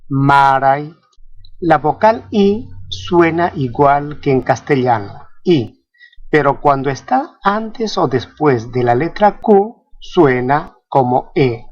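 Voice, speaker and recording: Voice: mid-range voice, no room sound, lo-fi sound. A teacher giving a scripted pronunciation lesson, carefully spelling out sounds and repeating each example word. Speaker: language teacher.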